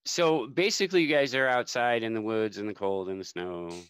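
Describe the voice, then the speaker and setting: A man's voice: on the low side, brisk, a bit bright, smooth, no room sound. A man running a tabletop game as game master, narrating in a joking way and laughing easily.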